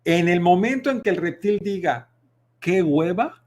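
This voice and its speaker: Mexican man teaching with lively vocal variety. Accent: Mexican Spanish. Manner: deliberately varies volume, pitch and pace to demonstrate vocal technique; expressive, addresses viewers directly. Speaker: public speaking instructor. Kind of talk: live online masterclass.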